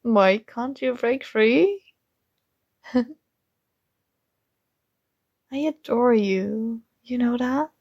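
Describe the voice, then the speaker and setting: A woman fully performs a possessive young princess for an ASMR roleplay, her tone sweetly commanding as she coaxes and teases in a soft, unhurried way. Her slightly high voice has a gravelly fry and moves very slowly. The close, dry recording has no echo and a lo-fi sound.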